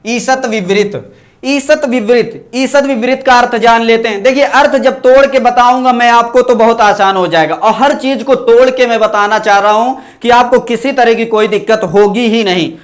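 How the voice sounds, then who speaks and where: A man's voice: extremely high pitch, steady tone, moderate pace, hardly any pauses. A man teaching an online Sanskrit lesson, sounding out letters one by one and asking and answering his own questions. He also reads viewers' comments aloud and thanks them. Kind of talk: online exam-prep lesson.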